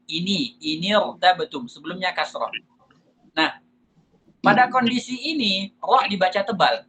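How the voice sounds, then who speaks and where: High bright-voiced Indonesian man teaching. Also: low-quality recording. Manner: explains step by step, asks and answers his own questions; slow drawn-out recitation of examples. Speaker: tajwid teacher. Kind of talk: recorded lesson on Quran recitation.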